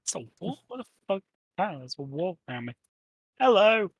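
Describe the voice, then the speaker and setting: A man playing a tabletop game, calling out hushed and muffled as if from behind a door. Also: high-pitched, very animated, normal speed, no room sound. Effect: quiet and muffled, as if heard through a door. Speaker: player. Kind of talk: in-character play in a tabletop game.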